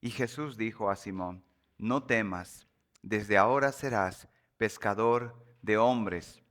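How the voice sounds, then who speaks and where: Pastor, male, bright voice, solemn and measured scripture reading, slows for emphasis. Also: on the low side.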